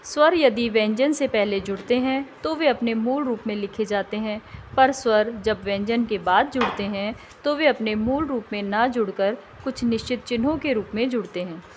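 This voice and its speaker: High-voiced woman teaching a grammar lesson. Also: slight background noise. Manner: slow, carefully drawn-out example words. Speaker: tutor. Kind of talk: scripted grammar lesson narration.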